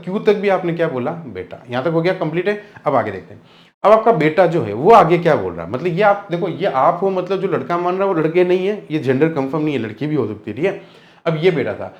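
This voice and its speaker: Echoey man teaching, patient and repetitive. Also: on the high side. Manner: patient, repeats and quizzes students. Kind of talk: classroom reasoning lesson.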